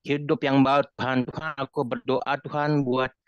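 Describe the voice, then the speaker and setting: A man's voice: mid-range voice, level tone, moderate pace, smooth, no echo, dull audio. A man leading an intercessory prayer in an online church meeting, pleading and repeating "Lord" after nearly every phrase. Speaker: congregation member leading intercession. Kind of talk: fervent spontaneous prayer. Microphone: online video call.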